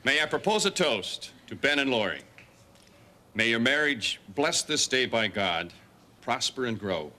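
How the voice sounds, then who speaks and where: A man's voice: mid-range voice, sing-song, measured pace, pushed and bright. An actor playing a jovial father hosting a wedding party in a television drama, hearty and celebratory. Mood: proud, celebratory. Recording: busy party crowd and room noise.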